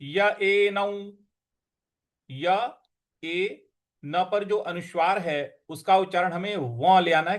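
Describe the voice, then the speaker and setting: A man teaching Sanskrit verse pronunciation, breaking words into syllables slowly and repeating them with care. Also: on the high side. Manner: slow, deliberate syllable-by-syllable drilling. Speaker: Gita recitation teacher. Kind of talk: Sanskrit pronunciation lesson with chanting.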